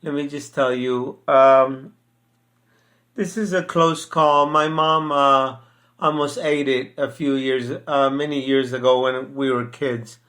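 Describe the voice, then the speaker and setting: A man's voice: medium pitch, fairly even intonation, takes it slowly, fairly bright tone. An older man in a casual chat, who then reads his own poem aloud, speaking hesitantly with many fillers. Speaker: poet sharing his poems.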